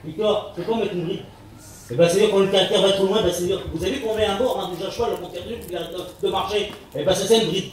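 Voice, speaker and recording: A man with a high voice preaches a sermon in plain, halting words, stumbling and restarting as he calls on the Lord. He stands well back from the microphone, and the sound bounces heavily around a large hall. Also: fairly even intonation, a little hiss or hum. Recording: echoey hall, speaker far from mic.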